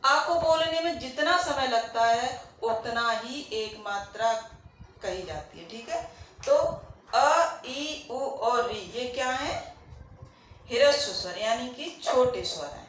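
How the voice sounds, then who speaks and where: A woman's voice: fairly high pitch, unhurried, fairly bright tone. A woman teaching a grammar lesson. She asks questions and answers them herself, and she repeats the key points. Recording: very echoey room, faint background noise.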